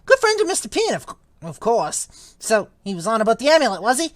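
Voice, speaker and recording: A fussy male spirit shopkeeper, gossipy and fawning, as a woman does him in a read-aloud, his pitch leaping up and down as he goes. He hesitates and trails off between bits of gossip, heard close and dry. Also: wildly swooping pitch, a little fast, dry recording. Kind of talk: reading a novel aloud.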